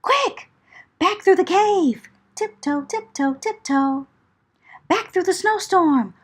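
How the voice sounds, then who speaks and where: Reading a picture book aloud to kids, this children's storyteller takes it slowly in an extremely high voice with lively intonation. Her delivery is theatrical and dramatic, full of whispers, exclamations and rhythmic chanted phrases.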